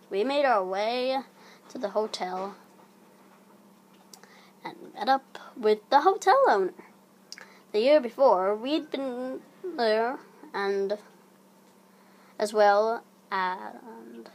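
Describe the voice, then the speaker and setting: A woman narrating a scripted horror story in a hushed, creeping manner, breathy and sometimes sinking toward a whisper. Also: medium pitch, slow pace, long pauses. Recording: audible background noise.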